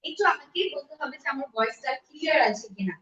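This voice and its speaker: Woman, online English teacher, high voice, slow deliberate English, dull lo-fi sound from a distance. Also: lively intonation, fairly bright tone. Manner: switches between Bengali and slow deliberate English. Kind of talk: live-streamed language lesson. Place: room at home. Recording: echoey, distant, dull home mic.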